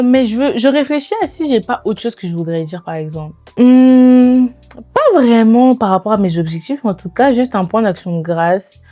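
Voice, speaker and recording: This twenty-something lifestyle vlogger, who immigrated to Canada, chats animatedly and informally with her audience in slangy phrasing that mixes in some English. Her voice is medium-pitched with no echo, set over background music.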